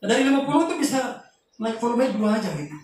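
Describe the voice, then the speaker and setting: Loud joking man in an echoey room. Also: extremely high pitch, fast. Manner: loud, joking, animated teaching with asides. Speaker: youth group speaker. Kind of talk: casual lecture to a group. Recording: very echoey, distant, faint noise.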